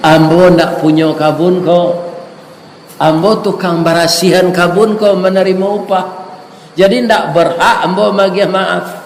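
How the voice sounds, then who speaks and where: A man's voice: sits high, fairly even intonation, a little slow. A preacher voicing a humble young orphan man. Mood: remorseful pleading. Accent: Minangkabau. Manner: humble, pleading. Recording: echoey hall with faint noise.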